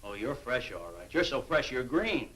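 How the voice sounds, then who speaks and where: A man's voice: medium pitch, sing-song, normal speed, sharp tone. An actor playing a brusque, sarcastic businessman boss in 1940s film style. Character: brusque, grudging, sarcastic businessman boss interviewing a job seeker. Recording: noisy vintage 1940s film soundtrack.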